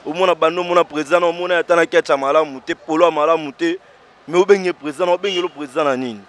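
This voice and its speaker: Guy, comedian in an interview, telling stories all animated, voice a bit high, loud then quiet. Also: fast. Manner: animated storytelling, swings between soft asides and loud bursts. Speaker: stage comedian and actor being interviewed. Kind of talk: casual interview chat.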